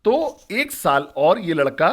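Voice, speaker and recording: A man's voice: fairly high pitch, sing-song, slow. A man telling a story in a motivational talk as a network marketing trainer, speaking directly and asking the listeners questions.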